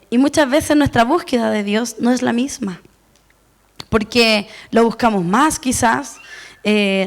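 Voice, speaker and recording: A woman with a high voice delivers a sermon. She speaks earnestly and personally, and she keeps saying "we" to include herself with the congregation. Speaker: preacher.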